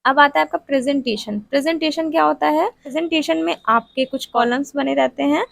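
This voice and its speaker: High, gravelly-voiced woman teaching. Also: no echo. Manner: mixes Hindi with English terms, reads English definitions out slowly; repeats a check-in tag after each point. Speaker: teacher-training tutor. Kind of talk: exam-prep lecture explaining teaching steps.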